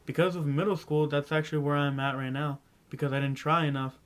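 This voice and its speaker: A teenage boy rambling through casual school advice in a vlog, clearing his throat often and stumbling over his words. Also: on the high side, flat delivery, fairly quick, fairly bright tone. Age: teens. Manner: rambling, stumbling, self-interrupting. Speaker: vlogger.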